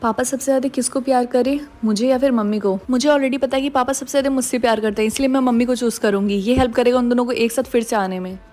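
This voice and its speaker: A woman's voice: on the high side, fairly even intonation, fast talker, hardly any pauses, a little mellow, slight background noise. A woman acting as a teenage girl in a story skit and narrating her choices aloud.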